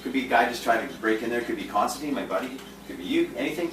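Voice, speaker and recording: A dating coach speaks very fast in a casual group chat, his medium-pitched voice lively in intonation. He's intense and direct with lots of restarts, recorded from a distance in an echoey room with faint noise.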